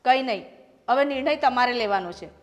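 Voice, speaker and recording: In a short family drama, a young woman plays a married daughter and doctor who is unhappy, arguing with and begging her parents in an upset, defiant way. Her voice is fairly high and animated, fairly quick, and lightly acted. Long reverb and background music fill the recording.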